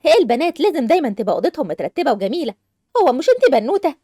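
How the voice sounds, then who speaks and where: A scolding mother with an Egyptian accent lectures her daughter, played by a woman. She talks fast in a high, lively voice. The recording is dry and close. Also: no room sound. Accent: Egyptian Arabic. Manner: scolding, nagging.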